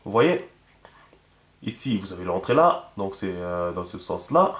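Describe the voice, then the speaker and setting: A man's voice: deep voice, big pitch swings, a little slow, fairly bright tone. Chatty man teaching in an echoey room. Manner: chatty, repeats himself, many fillers. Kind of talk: casual video lesson.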